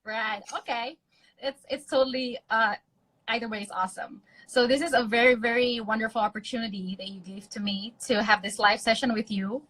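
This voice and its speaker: A woman with an Indonesian accent hosts an Instagram live from her phone, chatting casually, gushing with excitement and switching between two languages. Her voice is on the high side and brisk, and the low-quality recording carries faint ambient noise.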